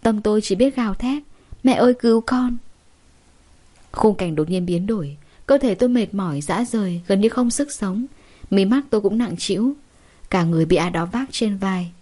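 A young woman tells a first-person story in a steady, dramatic way. Her voice has a mellow, dark tone at a middle pitch. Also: moderate pace.

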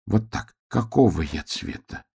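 A man voicing a naive, stubborn little piglet who talks in a quiet, wondering, plaintive way. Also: lowish voice, animated, a little slow, creaky, breathy edge, pitched above the performer's own voice, full character voice. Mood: puzzled.

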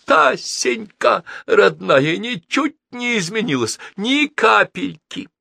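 A man playing an elderly foreign consul in an audiobook, speaking in a creaky, effusive old voice. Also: high voice, very animated, slow pace, fairly bright tone, dry recording, studio quality, voice pushed up, heavily acted. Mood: rapturous.

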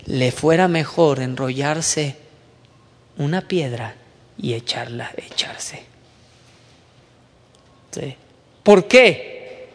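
A man preaching to a youth group, lively and conversational, mimicking whiny young voices and dropping low for emphasis. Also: big-room sound. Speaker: youth pastor. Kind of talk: sermon.

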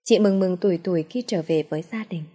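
A woman tells a family drama as a steady, measured narrator. Her voice sits slightly low. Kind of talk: storytelling narration.

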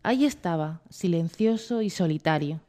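A woman narrating a storybook tale aloud in a gentle, measured reading voice. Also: lowish voice, animated. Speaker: story reader.

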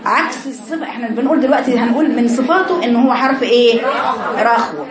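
A woman with an Egyptian accent teaches Quran recitation to a class of women, her voice fairly high. She demonstrates each letter by stretching and repeating syllables. The room is echoey and a crowd murmurs behind her. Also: fast talker. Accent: Egyptian Arabic. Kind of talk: classroom tajweed lesson.

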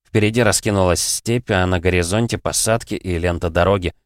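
A man narrating a fantasy audiobook in the first person, in a measured, even manner. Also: sits low, dry recording, studio quality. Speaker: audiobook reader.

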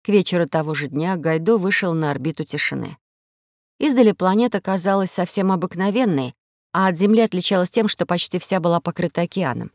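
Audiobook narrator, woman, measured and even, dry close studio sound. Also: fairly low pitch, no room sound. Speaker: audiobook reader. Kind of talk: scripted narration.

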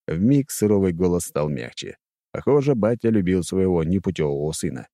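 A man narrating an audiobook in a measured storytelling voice. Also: deep voice, lively intonation, warm tone, no echo.

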